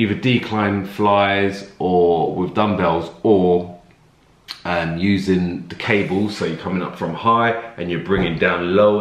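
A man in his thirties, a fitness coach, answering viewer questions in a relaxed, chatty way with lots of fillers and restarts, filmed at home by a camera in front of him. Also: sits low. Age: 30s. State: slightly runny nose. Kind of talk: casual Q&A vlog. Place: room at home, indoors. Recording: echoey room.

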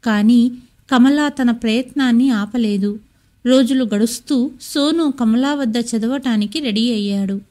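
A woman narrating a scripted story in a steady, measured way. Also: a little high.

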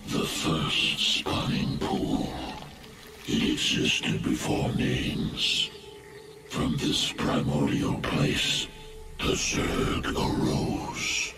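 A man voicing an ancient, menacing alien mentor creature in a video game, with gravelly, slow, portentous and cryptic delivery. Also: a bass voice, recorded from a distance, full character voice. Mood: ominous, reverent. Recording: cavernous echo, game music behind.

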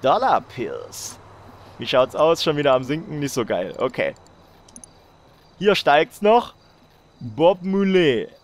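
A man's voice: fairly high pitch, very animated, takes it slowly, long pauses. A young man hosting a let's play, joking and swearing in casual commentary while talking to his viewers.

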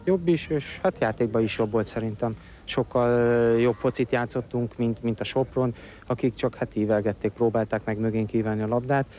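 A footballer in his thirties gives a post-match interview outdoors. His male voice is mid-pitched and soft-edged, dark in tone. Faint noise sits behind the handheld microphone. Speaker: football player being interviewed. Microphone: handheld reporter microphone.

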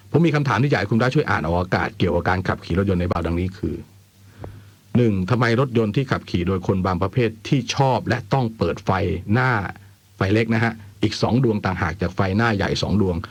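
Lowish-voiced man hosting radio, very dry sound. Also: slightly rough, no room sound. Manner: informal, with wry asides. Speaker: radio host. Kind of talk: radio phone-in chat and letter reading.

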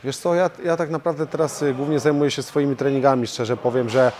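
A man who is a professional fighter and coach, answering interview questions in a steady way with frequent hesitation fillers, recorded in a martial arts gym. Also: mid-range voice, fairly quick.

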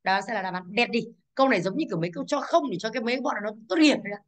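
Brisk woman teaching an exam class. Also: a little high, animated. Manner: brisk, stresses English words, asks class to confirm. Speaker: English teacher.

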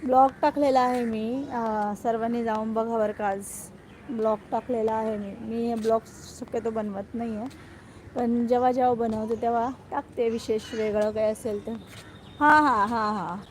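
A woman's voice: fairly high pitch, steady tone, moderate pace, slight background noise. A woman hosting a live stream in casual chat, greeting viewers by name and teasing them playfully. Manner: playful, jokes about herself.

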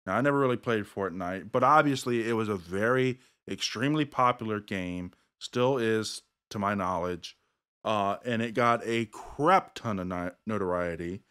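A man hosting a casual podcast chat, acting out gamers' quotes in a lively way. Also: moderate pace, smooth. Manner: animated, acts out gamers' quotes in a higher voice. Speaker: podcast host. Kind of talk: casual chat over beers.

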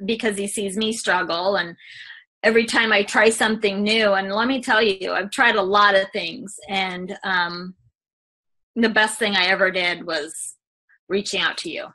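A woman's voice: medium pitch, bright, forceful tone, low-quality recording. A woman real estate agent giving a rambling, self-correcting testimonial interview, laughing easily. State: emotional, close to tears.

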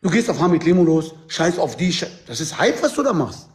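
On a group video call picked up by a phone or computer, a man argues heatedly and insistently, talking over everyone else. His voice is a little high and sing-song with a darkish tone, and he speaks fairly quickly.

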